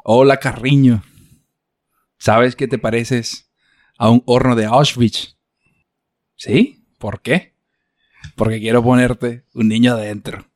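A flirting suitor in a thick, exaggerated European accent, as a man puts him on while telling a joke. He speaks low and smooth, with a dry, close sound. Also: fairly even intonation, slow, long pauses, darkish tone, no echo, close to an everyday voice. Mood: flirty.

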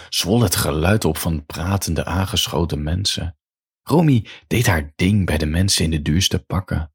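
A man softly reading his own short story aloud as a slow bedtime tale, close to the mic. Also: dry recording. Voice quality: deep gravelly voice. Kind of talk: intimate storytelling narration.

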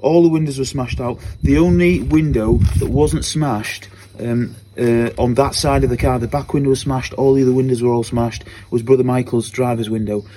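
An earnest man gives a spoken church testimony in a mellow, warm voice, circling back to repeat his phrases as he tells it. Faint noise sits under the recording. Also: medium pitch, fairly even intonation, moderate pace. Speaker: church member giving a testimony.

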